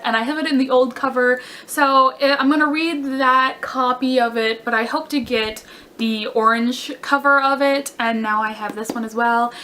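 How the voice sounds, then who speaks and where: A woman's voice: high voice, sharp tone. A young woman chatting casually about her book haul, gushing and rambling with fillers and self-corrections. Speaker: book vlogger.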